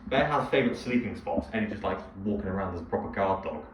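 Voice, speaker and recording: A man's voice: low voice, animated, fast. A young man co-hosting a podcast, chatting casually and rambling through stories with laughs. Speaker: podcast co-host. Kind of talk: casual chat. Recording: echoey, distant, dull sound with faint hiss.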